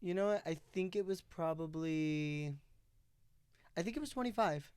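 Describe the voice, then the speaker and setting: A man in his late twenties chats easily in a fairly high, clear voice. He is laid back and says "like" a lot. The recording is dry and close. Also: moderate pace, no echo. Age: 20s. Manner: relaxed, easygoing, says "like" often. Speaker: podcast co-host. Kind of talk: casual chat.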